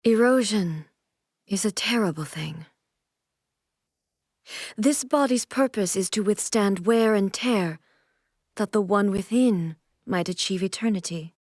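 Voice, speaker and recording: An actress playing a regal, aloof immortal shogun in a video game, speaking in a formal, stately, measured way. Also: female voice, medium pitch, darkish tone, dry recording, studio quality. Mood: solemn, commanding. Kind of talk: scripted video game character voice lines.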